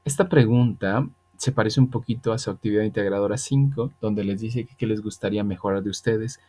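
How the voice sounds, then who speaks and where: A man, a virtual tutor explaining English grammar patiently to students, slowing down for the examples. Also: lowish voice, mellow. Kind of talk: online grammar lesson.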